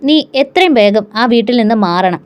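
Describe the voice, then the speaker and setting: A woman storyteller voicing an older male schoolteacher and father who lectures in a deliberate way. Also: on the high side, animated, clear, resonant tone, natural voice. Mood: lecturing. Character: stern older male teacher, cautious father.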